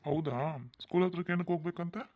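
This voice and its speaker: A man playing a soft-hearted village dad. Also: sits high, steady tone, fast, no echo, phone-quality sound. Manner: affectionate, plain village speech. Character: loving village father, soft-hearted, proud of his daughter.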